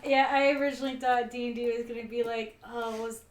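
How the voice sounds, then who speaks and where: Woman, upbeat chatter, high pitch, faint noise behind. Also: steady tone, fast, distant mic. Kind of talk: casual group chat. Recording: roomy, faint background noise.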